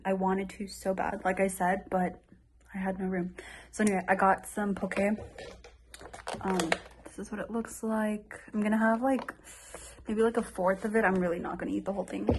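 A woman's voice: medium pitch, echoey room, background noise. A young woman chatting casually to the camera in a hotel room. She sounds tired and rambles, saying "like" often. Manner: chatty, rambling, heavy use of "like". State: tired from lack of sleep. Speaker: vlogger. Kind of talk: casual vlog chat to camera. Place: small hotel room, indoors.

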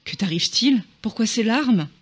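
A man voicing a huge male dragon in a storybook reading, gently concerned and coaxing. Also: high-pitched, expressive, moderate pace, voice pushed up. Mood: worried. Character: huge pink male dragon, deep, warm, protective.

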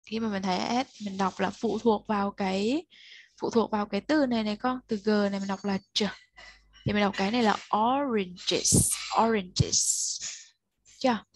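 A woman's voice: medium pitch, fairly even intonation, fairly quick. A woman tutoring a child one-on-one, patiently explaining step by step and prompting the learner to answer. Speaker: English tutor.

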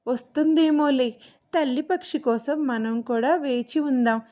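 A woman voicing a sweet-talking friendly female parrot in a children's storybook, in a high lively voice. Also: measured pace. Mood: soothing. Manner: high, lively, gentle coaxing.

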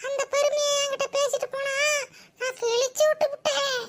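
A woman's voice: very high voice, flat delivery, normal speed, slight background noise. A woman voicing a boastful, gossipy village woman who scolds and wails, with a Tirunelveli Tamil accent. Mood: scolding gossip. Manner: scolding, sharp-tongued, dramatic wailing.

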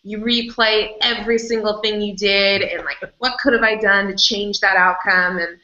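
A woman with a bright, forceful voice shares her story as an interview guest, animated and quick to laugh. She acts out what she said back then. The recording sounds roomy and a little dull. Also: medium pitch. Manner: animated, laughs often, acts out her own past words. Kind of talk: candid storytelling in conversation.

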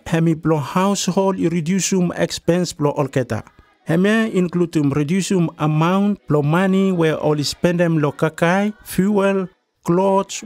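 A man's voice: fairly high pitch, darkish tone, dry recording. A man with a Melanesian Pidgin accent reads scripted documentary narration in island pidgin. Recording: voice-over with music behind. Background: music.

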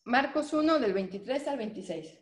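A woman's voice: on the high side, lively intonation, normal speed, roomy sound, slight background noise. A woman teaching a Bible lesson, reading verses with emphasis and asking listeners to follow along. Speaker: preacher.

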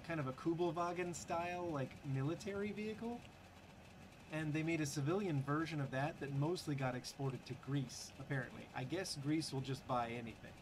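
A man's voice: on the high side, background noise. Wry, chatty man talking over gameplay. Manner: chatty and wry, with frequent fillers and sarcastic asides. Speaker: gaming channel host. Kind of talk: casual gameplay commentary.

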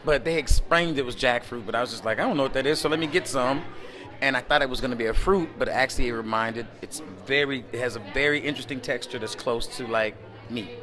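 A man, speaking at an ordinary middle pitch. He answers interview questions casually, wandering between thoughts with plenty of fillers. He is recorded close to a camera at an indoor event. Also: fast, music in the background. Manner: relaxed, rambling, many fillers. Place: indoor event space by a window at night.

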